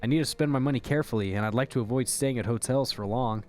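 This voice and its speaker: A man's voice: medium pitch, quick pace, a little mellow, lightly acted. A man voicing a polite, earnest android asking to stay as a roommate, reading a game script in fan voice acting. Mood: pleading. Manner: formal, pleading.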